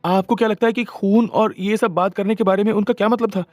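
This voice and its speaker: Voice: mid-range voice, steady tone, fast, a little mellow, no room sound, faint music behind, voice pushed up, natural voice. A man voicing a worried crowd member who questions others anxiously.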